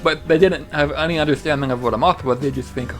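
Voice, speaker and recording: A man's voice: fairly high pitch, fast talker, fairly bright tone, soft background music. A man co-hosting a podcast in casual chat, laying out theories in a laid-back, matter-of-fact way. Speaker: podcast co-host.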